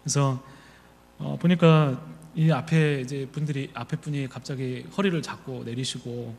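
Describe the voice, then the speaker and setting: A man's voice: medium pitch, fairly even intonation, normal speed, a little mellow. A man preaching a sermon as a pastor, telling a personal story and acting out his own thoughts. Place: church sanctuary. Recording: reverberant church hall.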